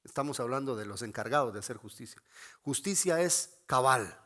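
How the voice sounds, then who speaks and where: A man's voice: medium pitch, animated, moderate pace, pushed and bright. A man preaching a sermon in an earnest, emphatic way, repeating phrases and restarting words as he explains. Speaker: pastor.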